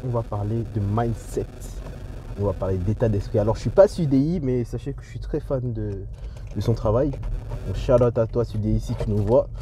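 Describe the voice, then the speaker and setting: A man talking casually to viewers as an entrepreneurship vlogger, his voice slightly muffled through a face mask, with hesitant delivery. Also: medium pitch. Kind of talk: casual vlog talk to viewers. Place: on the move, leaving a garage. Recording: muffled lo-fi audio, clear vehicle and ambient noise.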